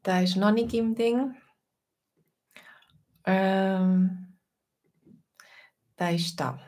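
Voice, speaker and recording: A woman with a Swiss German accent, giving a casual online lesson as a language teacher, slow and hesitant with many fillers. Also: medium pitch, a little mellow.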